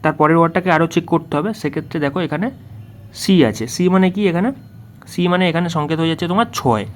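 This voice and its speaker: A man's voice: on the high side, fast talker, slight background noise. A male tutor explaining exam answers one step at a time, often putting questions to the student. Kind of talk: worked-solution lesson.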